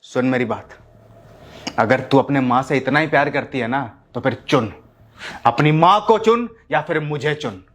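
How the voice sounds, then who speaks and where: A man's voice: mid-range voice, expressive, normal speed. A man playing a harsh, domineering husband who orders people about and talks with scorn, in a family drama skit. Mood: angry. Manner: shouting, rude, commanding.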